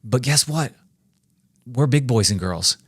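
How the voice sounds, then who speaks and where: A man's voice: mid-range voice, expressive, unhurried, husky, dry recording, studio quality. A man in his forties co-hosting a faith-based leadership podcast, emphatic and speaking directly to listeners. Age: 40s. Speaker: podcast co-host.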